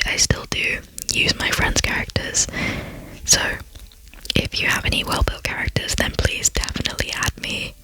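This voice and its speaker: A soft, rambling voice whispering gameplay commentary for an ASMR channel. The whisper is bright and crisp, almost entirely breath with barely any voiced tone. The talk is casual and chatty, full of ums and small self-mocking asides. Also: low-quality recording. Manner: self-deprecating, lightly giggly asides. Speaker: ASMR gaming channel host.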